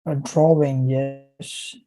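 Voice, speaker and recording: The young Urdu-speaking man from Pakistan talks slowly in a very dark, medium-pitched voice that barely moves in pitch. Answering viewer questions as a guest in a casual Q&A, he hesitates and restarts often, over poor, echo-free audio.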